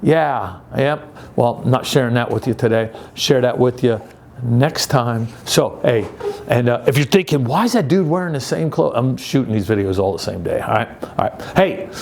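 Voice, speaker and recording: A man in his sixties giving a casual, upbeat youth-pastor style talk, conversational and halting, repeating phrases for emphasis. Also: mid-range voice, gravelly, a little mellow, slight background noise. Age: 60s. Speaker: youth group leader.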